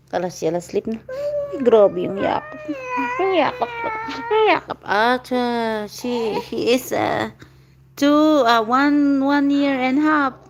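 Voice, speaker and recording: High-voiced Ilonggo woman cooing slowly. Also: very animated, noisy background. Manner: playful, cooing, teasing baby talk. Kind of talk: casual chat and lullaby singing to a toddler.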